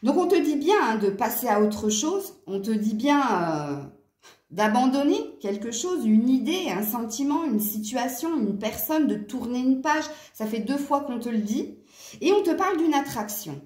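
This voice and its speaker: A woman's voice: a little high, sing-song, moderate pace, darkish tone. A woman giving a casual tarot reading to her viewers, chatty and hesitant with many fillers, sounding tired. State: tired from poor sleep. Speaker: tarot card reader. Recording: echoey room.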